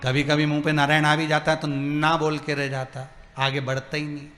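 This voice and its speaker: Bright-voiced man preaching in an echoing hall. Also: on the high side, moderate pace, soft background music. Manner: animated, acts out dialogue and asks the crowd questions. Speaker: religious storyteller. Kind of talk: devotional sermon with storytelling.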